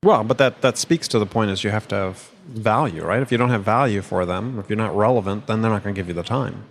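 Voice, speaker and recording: A male podcast host in casual talk, rambling with many restarts and chuckles, going hoarse after a long day. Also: on the low side, quick pace, slight background noise. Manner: rambling, self-interrupting, chuckles often. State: losing his voice. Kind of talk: casual conversational chat.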